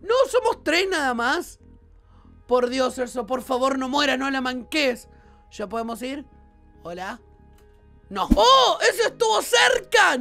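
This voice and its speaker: Rioplatense man gamer, high bright voice, jumpy and shouty, lively pitch swings. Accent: Rioplatense Spanish. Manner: excitable, bursts into shouts. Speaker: gaming YouTuber. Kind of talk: let's play commentary.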